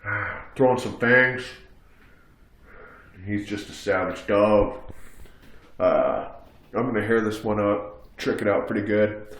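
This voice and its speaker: A man with a stuffed-up cold, casually showing off his collection in a home vlog, talking in a relaxed way with lots of ums and uhs. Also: on the low side, takes it slowly, long pauses. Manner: relaxed, hesitant, many fillers. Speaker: mask collector. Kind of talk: casual show-and-tell vlog. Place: small bathroom at home. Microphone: phone camera. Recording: echoey small room.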